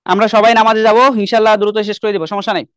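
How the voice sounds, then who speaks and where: A man's voice: high-pitched, little pitch movement, very fast, a bit bright, clear, resonant tone, no echo, clean studio sound. Young Bangladeshi man teaching English. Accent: Bangladeshi Bengali. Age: young adult. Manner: explains step by step, quizzes students often. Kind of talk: online class lecture.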